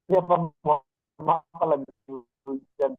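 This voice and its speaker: A man's voice: sits high, very animated, slow pace, vocal fry, dry recording. Man on a choppy, breaking-up call. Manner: polite, deferential. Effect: choppy, breaking-up audio from a weak signal. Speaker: participant asking the lecturer. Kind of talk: online class call. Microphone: video call. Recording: tinny video call line.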